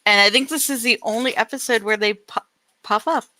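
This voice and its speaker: A woman's voice: fairly high pitch, brisk, sharp tone. A woman co-hosting a podcast, chatting casually and thinking aloud with fillers. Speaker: podcast co-host. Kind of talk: casual chat.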